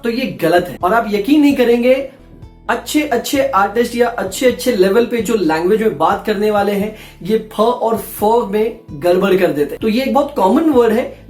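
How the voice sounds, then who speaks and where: A man's voice: high-pitched, darkish tone. A man, a voice-over artist, giving a casual, playful spoken lesson and talking to viewers as friends. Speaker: voice-over artist teaching pronunciation. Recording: roomy echo with faint background music.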